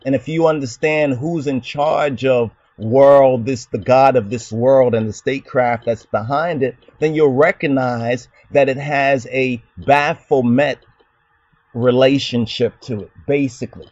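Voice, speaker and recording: Replying to a commenter, this channel host lectures his way through an argumentative commentary, asking "you understand?" again and again as a rhetorical question. He speaks at a measured pace in a mid-range, darkish voice with fairly even intonation. The sound is muffled but echo-free.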